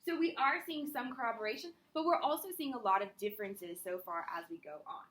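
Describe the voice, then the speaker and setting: A woman's voice: on the high side, a little fast, a bit bright. A woman teacher explaining a history lesson, correcting herself as she goes. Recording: echoey room.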